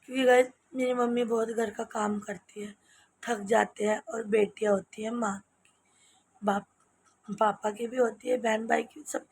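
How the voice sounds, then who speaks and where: Hoarse, husky woman vlogging from home. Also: on the high side, level tone, measured pace, darkish tone. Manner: chatty, tired and sleepy. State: hoarse with a cold. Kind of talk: casual vlog chat. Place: home kitchen at night.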